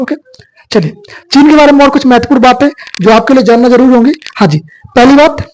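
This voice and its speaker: An exam coaching lecture is given by a man with an extremely high pitch, recorded roughly. He works through it in repetitive call-and-response, asking questions and answering them himself.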